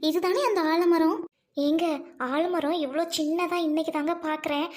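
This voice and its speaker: A woman's voice: very high voice, fairly even intonation, normal speed, a little mellow. A woman voicing a devout, childless village wife who prays earnestly in a Tamil cartoon. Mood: praying. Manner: earnest, pleading.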